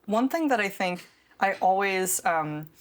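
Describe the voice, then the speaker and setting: A woman's voice: mid-range voice, expressive, a little slow. A young adult woman, a company cofounder, talking casually in an interview, thoughtful and full of fillers and restarts. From grew up in New Zealand. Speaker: cofounder and CEO.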